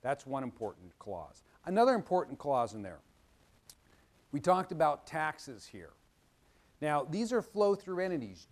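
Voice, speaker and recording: A middle-aged man, an attorney, giving a legal lesson in a folksy, animated way, sprinkled with personal stories and acted-out dialogue. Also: a little high. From Washington State, US. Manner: folksy, animated storytelling, acting out quoted dialogue. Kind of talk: explanatory legal talk with anecdotes.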